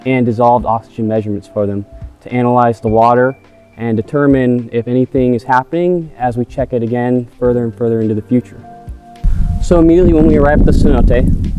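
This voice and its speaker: Mellow-voiced man explaining dive steps. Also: mid-range voice. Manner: step-by-step procedural explaining. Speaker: cave diver. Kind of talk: documentary interview. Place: outdoors in a forest. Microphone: lapel.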